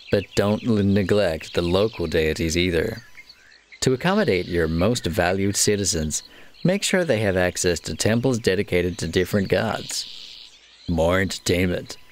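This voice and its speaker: A man's voice: fairly low pitch, slight background noise. A man playing a city-building game, reading its text aloud and muttering building names twice over as he plays. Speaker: let's play gamer. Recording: game music under the voice. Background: game music.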